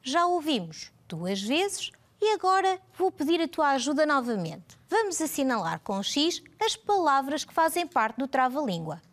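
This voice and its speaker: A woman with a European Portuguese accent teaching young children on screen, animated and sing-song, drawing out each syllable. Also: sits high, moderate pace, hardly any pauses. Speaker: primary school teacher. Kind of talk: televised lesson for young children.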